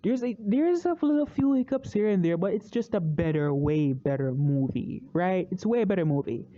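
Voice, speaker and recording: This movie review vlogger rants in a casual, opinionated way, animated and prone to loud, excited outbursts where he repeats words once he gets worked up. His pitch is medium, his pace moderate, and the audio sounds dull.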